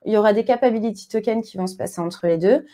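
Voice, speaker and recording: A woman with a mellow, relaxed tone walks through code at a tech conference. She talks in an easygoing, chatty way and marks each step with small filler words. Her pitch sits in a middle range. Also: fast talker. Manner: casual, chatty, punctuates steps with "hop" and "voilà". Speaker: conference speaker. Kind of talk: tech conference talk with live coding demo.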